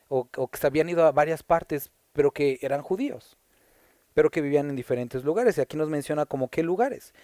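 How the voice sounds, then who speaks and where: A Mexican pastor with a Puebla accent talks through a Bible passage verse by verse, pausing to ask his listeners rhetorical questions. His voice sits a little high but sounds mellow. The recording is dry and close. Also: dry recording. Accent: Puebla Mexican Spanish. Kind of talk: conversational Bible teaching.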